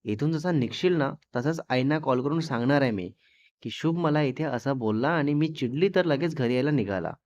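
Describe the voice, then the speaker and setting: A man's voice: medium pitch, lively intonation, brisk, darkish tone, lightly acted. A man voicing a fiery, teasing young wife, who scolds and bosses her husband. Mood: bossy. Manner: scolding, bossy. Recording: dull dry lo-fi recording.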